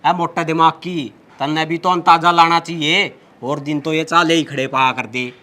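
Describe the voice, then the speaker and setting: A man's voice: a little high, steady tone, normal speed, sharp tone. A man with a Haryanvi accent playing a cowardly yet boastful village drunkard in a comedy skit, blustering and plaintive. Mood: plaintive, uneasy. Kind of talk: rural comedy skit acting.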